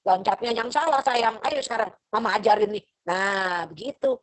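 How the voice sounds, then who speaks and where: A woman's voice: medium pitch, moderate pace, low-quality recording. A middle-aged woman lecturing a university class over a video call, chatty and motherly. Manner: motherly, chatty, acts out parents' lines.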